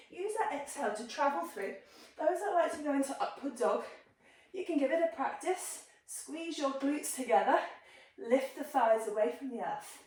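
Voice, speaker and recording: High-pitched lady yoga teacher, chatty and encouraging, kinda far off the mic, big echoey room. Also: a little mellow. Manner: encouraging, chatty, demonstrating moves while talking. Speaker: yoga instructor. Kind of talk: guided yoga class instruction.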